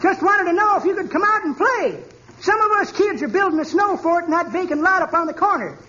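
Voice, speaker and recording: An actor voicing a chatty, playful old-timer with folksy rustic speech, in 1940s radio comedy style. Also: male voice, expressive, a little fast, pushed and bright, full character voice. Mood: playful, pleading. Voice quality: high, cartoonish old man's voice. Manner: folksy drawl with rustic grammar. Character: chatty, playful, childlike old-timer man telling tall jokes. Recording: noisy, muffled 1940s radio recording.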